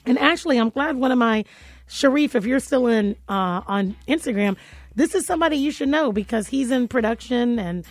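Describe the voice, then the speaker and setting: A woman's voice: on the high side, expressive, brisk, dry recording. A woman hosting a radio talk show, chatting casually and speaking straight to her listeners. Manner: chatty, talks to listeners directly. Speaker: radio host.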